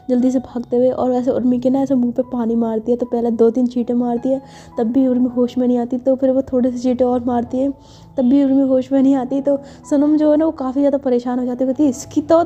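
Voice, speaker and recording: A woman's voice: high-pitched, warm tone. A woman narrating a love story in a chatty, casual way, full of fillers. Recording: dull lo-fi with faint music.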